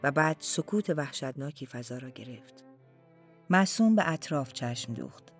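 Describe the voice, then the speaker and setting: An audiobook narrator reading a literary story in a slow, deliberate storytelling manner, at times dropping to near-whispers. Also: medium pitch, animated, faint music behind.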